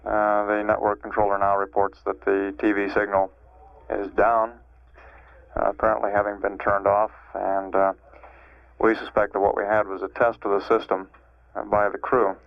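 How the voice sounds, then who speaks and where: Male spaceflight commentator, lowish and monotone, measured halting delivery, muffled archival radio sound. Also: creaky. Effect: archival broadcast radio sound. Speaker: mission control public affairs announcer. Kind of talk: live spaceflight status commentary. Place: Mission Control. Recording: dull, band-limited archival radio feed.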